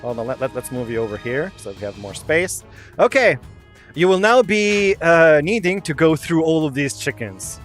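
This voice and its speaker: Chatty game master, lively pitch. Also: normal speed, faint music behind. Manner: chatty, often breaks into laughter. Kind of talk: running a tabletop game on a live stream.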